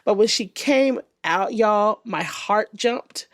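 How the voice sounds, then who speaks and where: A woman podcast host chatting casually in a studio, telling stories with animated energy, swearing and laughing often. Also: medium pitch, slow, dry recording. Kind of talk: casual chat.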